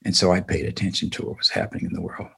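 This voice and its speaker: An older man from the American South, a civil rights attorney answering interview questions in an earnest, deliberate way with many fillers. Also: sits low, very animated, vocal fry, bright, forceful tone, husky.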